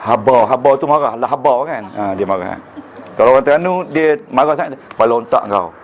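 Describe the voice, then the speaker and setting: Fast and animated, this medium-pitched man teaches a class Arabic grammar in a lecture room, his Malaysian Malay accent clear. The religious teacher keeps joking and testing students, though the recording is muffled with slight hiss or hum.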